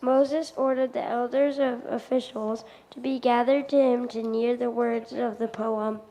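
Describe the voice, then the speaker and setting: A woman's voice: fairly high pitch, fairly even intonation, a little slow, mellow, low-quality recording. A woman reading scripted narration aloud in an amateur play, stumbling now and then over words. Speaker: reader in a congregational skit.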